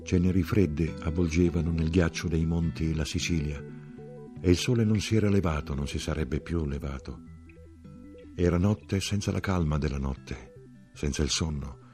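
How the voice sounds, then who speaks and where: A man narrating a literary audiobook in a measured, dramatic way that lifts when he voices dialogue. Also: a bass voice, a little mellow, faint music behind. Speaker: audiobook reader.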